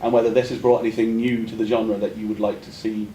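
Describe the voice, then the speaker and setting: A man in the audience at a conference poses an academic question, polite, hesitant and wandering, in a flat, mellow voice at a quick pace. The room echoes, with a faint rumble underneath.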